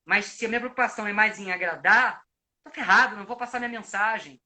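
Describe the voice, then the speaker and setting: Giving advice during a live video chat, a Brazilian actor-coach with a Brazilian Portuguese accent talks at length in a reflective manner, frequently starting over. He's a fast talker whose voice sits high and sounds bright and forceful.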